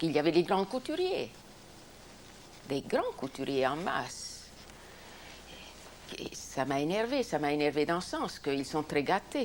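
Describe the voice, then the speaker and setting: Older lady, european french accent, low voice that jumps all over, chatty stories, bit of hiss. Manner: spontaneous, animated storytelling with restarts. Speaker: interviewee, former TV host. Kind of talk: reminiscing interview.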